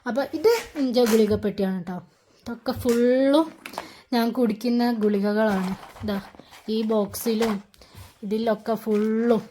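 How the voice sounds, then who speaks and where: A woman's voice: a little high, steady tone, a little slow, pauses often, warm tone, slight background noise. A young woman, chatting casually at home in a family vlog as she explains each step. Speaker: family vlogger, mother. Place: home, indoors.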